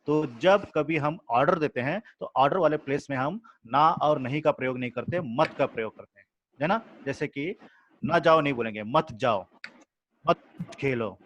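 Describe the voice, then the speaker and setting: A man's voice: a little high, normal speed, a bit bright, no room sound, highs cut off. A male teacher giving a grammar lesson to a class, explaining patiently, repeating examples and checking that students follow.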